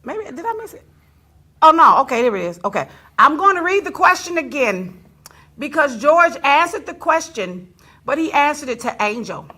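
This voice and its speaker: Lively high-voiced woman host, laughing. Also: normal speed. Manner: laughs often, animated and teasing. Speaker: talk show host. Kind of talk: casual laughing chat.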